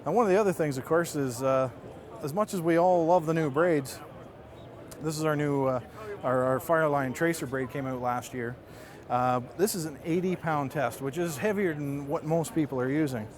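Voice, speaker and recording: A man giving a casual, conversational product demonstration, explaining things like a marketing rep. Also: normal speed. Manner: explanatory, conversational sales pitch. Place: trade show booth. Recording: busy trade show crowd behind.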